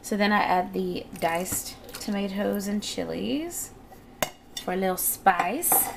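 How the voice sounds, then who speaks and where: A woman with a medium-pitched voice talks casually through a home vlog. Her delivery is slangy and playful, picked up on a handheld camera with clear noise behind it. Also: slow. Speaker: home vlogger. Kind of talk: casual vlog chat with narrated cooking.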